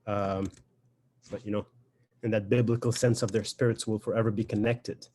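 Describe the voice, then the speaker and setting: A man's voice: fairly low pitch, level tone, moderate pace, a little mellow, slight background noise. Lebanese-accented man, reflective and hesitant. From Beirut, Lebanon. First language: Lebanese Arabic. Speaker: poet. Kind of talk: informal spoken introduction to a poetry reading.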